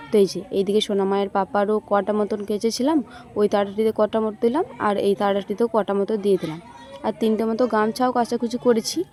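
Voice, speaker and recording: A woman vlogger with a fairly high but dark-toned voice chats casually to her viewers about her day. She sounds tired, mentions her legs are sore, and speaks to the audience directly in a chatty way.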